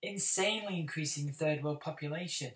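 An actor at an audition delivers a dramatic monologue as a bitter, brooding schoolboy with an apocalyptic streak, facing down a bully. His natural voice sits on the high side, and the mood is one of grim foreboding. He speaks deliberately with heavy pauses, building from a hush to real force, picked up by a distant microphone in a roomy space.

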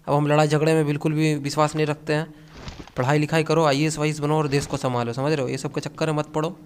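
A young man doing comedic voice-over commentary on a mobile game, full of excitable, crude banter. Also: fairly high pitch. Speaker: gaming commentator.

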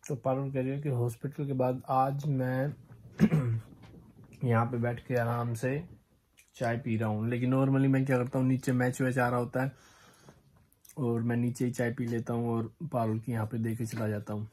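A man chats easily to the camera at home, explaining what his family is doing. His voice is a little husky and sits in a middle range. He talks in a relaxed, everyday way. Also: mid-range voice, normal speed. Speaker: vlogger. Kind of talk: casual family vlog talk.

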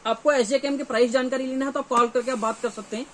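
A fast-talking man in his thirties, his North Indian-accented voice very high-pitched and steady, presents products to camera. It's an informal, repetitive sales showcase set indoors in a small, cluttered gear shop, with faint shop noise in the background.

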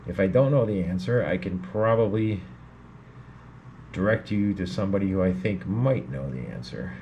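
Sitting at his computer, a low-voiced man walks through an amateur radio screen tutorial at normal speed with lively intonation. He thinks aloud informally and somewhat hesitantly, and the noisy room recording has its highs cut off.

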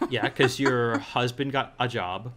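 A young man on a podcast, trading dry, sarcastic jabs in easy banter. His voice sits at a middle pitch with a bright, forward edge. He drops into quick mock voices to act out a joke. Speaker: podcast co-host. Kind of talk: casual chat.

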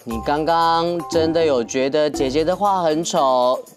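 A young man playing a gentle, patient father in a children's TV sitcom, speaking in a soothing, deliberate way. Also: a little high, music in the background, lightly acted. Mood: calmly firm. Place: TV studio set.

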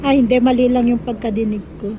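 A woman's voice: fairly high pitch, fairly even intonation, fast talker, noisy background. A woman chatting casually in a family vlog, narrating her errands and talking to her child while out at a market. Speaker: vlogger. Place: outdoor market.

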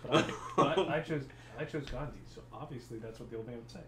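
A man chatting slowly and laughing often during a party card game. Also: medium pitch, roomy sound, crowd noise. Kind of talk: casual game chat.

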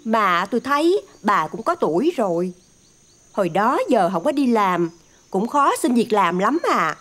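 An actress playing a nosy, boastful single neighbor who mocks others, speaking with a Southern Vietnamese accent. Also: female voice, mid-range voice, very animated, measured pace, fairly bright tone. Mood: mocking. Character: nosy, smug single woman who loves to gossip. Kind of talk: TV drama acting.

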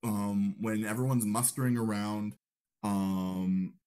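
A man's voice: fairly low pitch, fairly even intonation, takes it slowly, warm tone. A young man giving a casual lecture, talking conversationally and often checking in with "right?". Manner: acts out upbeat greetings in a raised voice.

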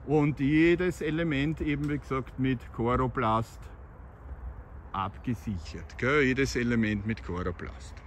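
A Viennese-accented CB radio enthusiast from Austria vlogs outdoors next to roadside bushes, holding his phone as he films. He speaks casually in a medium-pitched voice at a measured pace, often finishing phrases with tag questions, over slight background noise.

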